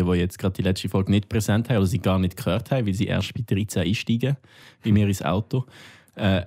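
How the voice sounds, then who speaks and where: Man learning words, low voice. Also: warm tone, no room sound, studio quality. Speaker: learner co-host. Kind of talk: casual language-lesson podcast.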